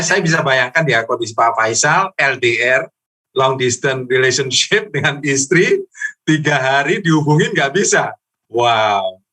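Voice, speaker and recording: A man's voice: medium pitch, bright, forceful tone. A man hosting a talk show, listening attentively and asking guests follow-up questions. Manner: attentive, short affirming replies. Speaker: host.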